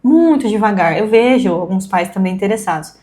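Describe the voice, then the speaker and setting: A woman's voice: mid-range voice, expressive, brisk, a crowd in the background. A woman with a Brazilian Portuguese accent, a podcast host and mother, talking earnestly in casual conversation and acting out the quotes she tells. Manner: earnest, explains at length and acts out quoted speech.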